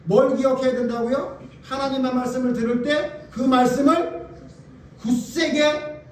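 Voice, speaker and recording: High-voiced pastor preaching in an echoey hall. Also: male voice, fairly even intonation, measured pace, recorded from a distance, slight background noise. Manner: emphatic, fires rhetorical questions at the congregation. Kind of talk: sermon.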